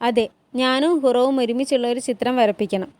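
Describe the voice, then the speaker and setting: A woman reading the part of a regal sultan who speaks with calm, measured authority. The voice is rather high and sits close and dry, with no room sound around it. The lines are told as a drama recap. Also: no echo, close to an everyday voice.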